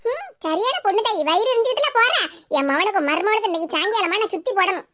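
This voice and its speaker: A woman voicing a nosy, sharp-tongued older village neighbour in a cartoon, speaking with a Tirunelveli Tamil accent. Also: very high voice, lively intonation, quick pace, a little hiss or hum. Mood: sneering. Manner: scolding, gossiping, sharp-tongued. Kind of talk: cartoon voice acting.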